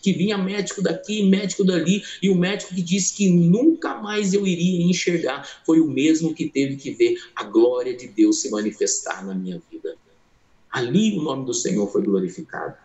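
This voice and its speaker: Dramatic preacher in an echoey hall. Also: male voice, medium pitch, gravelly, a little mellow. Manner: dramatic storytelling, acting out the people in his story; addresses listeners as brothers. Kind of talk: sermon testimony.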